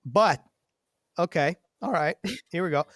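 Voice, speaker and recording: A man with a fairly high voice hosts a sports podcast in an easygoing, friendly way. The recording is close and dry with no room sound. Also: measured pace, a bit bright, no echo. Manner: friendly, easygoing, laughs often. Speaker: podcast host. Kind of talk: casual sports podcast chat.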